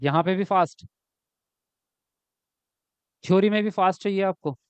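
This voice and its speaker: A man with a high-sitting, smooth voice speaks unhurriedly in a live online exam-prep class, on a dry and muffled recording. He explains things step by step, asks questions and answers them himself. He also reads viewer comments aloud and talks back to them.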